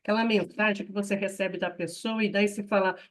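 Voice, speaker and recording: A woman hosting a conversational podcast, who reads out viewer comments and adds her own lively remarks. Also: mid-range voice, fast talker. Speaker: podcast host. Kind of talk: conversational interview.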